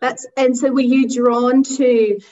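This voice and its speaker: A woman's voice: fairly high pitch, little pitch movement, takes it slowly, warm tone, far from the mic, lo-fi sound. A woman interviewing a guest, friendly and a bit hesitant with ums. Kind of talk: casual podcast interview.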